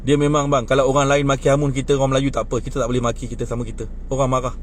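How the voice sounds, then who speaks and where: With slight background noise behind him, a man in his 20s speaking with a Malaysian Malay accent chats casually near a bus stop, indignant over politics. Lacking sleep, he's animated, and his pitch rises whenever he gets worked up.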